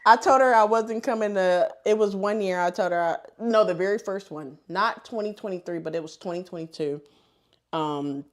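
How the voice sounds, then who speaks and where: A woman hosting a livestream in casual chat, an animated storyteller who laughs a lot. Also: mid-range voice, moderate pace. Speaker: livestream host.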